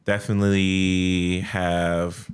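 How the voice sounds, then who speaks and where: A man guesting on a podcast, chatting casually with laid-back deadpan jokes. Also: low voice, slow pace, smooth. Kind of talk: casual chat.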